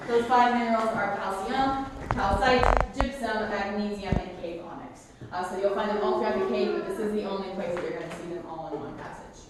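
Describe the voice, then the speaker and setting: A woman working as a cave guide, giving a casual, explanatory tour talk to a group inside a cave. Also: medium pitch. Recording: very echoey cave, distant mic, faint noise.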